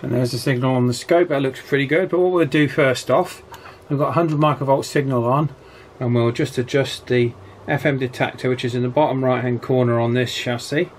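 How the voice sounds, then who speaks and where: A man at an indoor workbench thinks aloud through a casual electronics tutorial, demonstrating how to align a radio. He speaks fairly quickly at medium pitch with fairly even intonation, and workbench background noise is clearly present.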